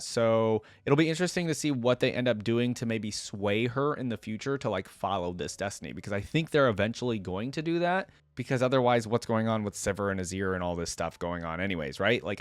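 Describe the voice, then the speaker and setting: A man hosts a reaction video, giving informal, conversational commentary on game voice lines. His voice is on the low side, recorded with no echo.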